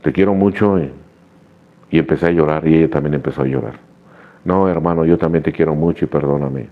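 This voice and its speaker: Man, very low voice, earnest confessional testimony, dull lo-fi recording. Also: level tone, a little fast. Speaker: recovering member sharing his story. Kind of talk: personal testimony at a recovery meeting.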